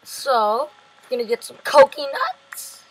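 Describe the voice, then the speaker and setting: High-voiced, excitable woman gamer. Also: takes it slowly, low-quality recording. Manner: excitable, shouts at game creatures. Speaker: gameplay commentator. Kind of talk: casual let's-play commentary.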